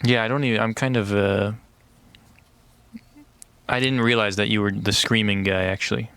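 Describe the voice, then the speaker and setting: A man's voice: on the low side, fairly even intonation, normal speed, fairly bright tone, clear, resonant tone, no echo. A man hosting an interview, asking curious, probing questions in a casual tone. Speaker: podcast interviewer.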